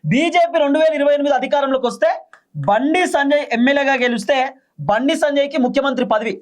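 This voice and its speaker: Fast, high-voiced Telangana commentator. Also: male voice. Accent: Telangana Telugu. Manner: emphatic, repeats points in short punchy phrases. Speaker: political commentator. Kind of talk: political commentary monologue.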